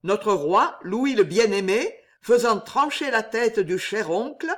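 Storybook villain: frail, scheming nobleman, low growl, mocking menace, drawn out slowly, voiced by a woman reader. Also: lively intonation. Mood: menacing. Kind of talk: audiobook character reading.

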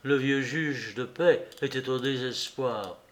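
A man narrating a classic novel audiobook in a measured, dramatic storytelling manner. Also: mid-range voice, fairly bright tone.

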